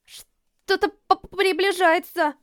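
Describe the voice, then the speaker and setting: A woman's voice: very high-pitched, fairly even intonation, takes it slowly, a bit bright, voice pushed up, exaggerated voice. Iris, a stammering timid robot girl, as a woman puts her on. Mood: panicky. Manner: stammers in panic. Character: timid stammering young female robot housemaid. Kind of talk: storybook reading.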